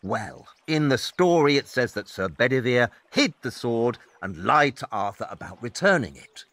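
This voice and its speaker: A self-assured male detective, acted by a man in an audio play, reasoning aloud with theatrical care. His middle-pitched voice moves expressively up and down, and the recording is very dry. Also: big pitch swings, normal speed, fairly bright tone, dry recording. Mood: confident explaining. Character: Sherlock Holmes, confident deductive male detective. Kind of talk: audio drama acting.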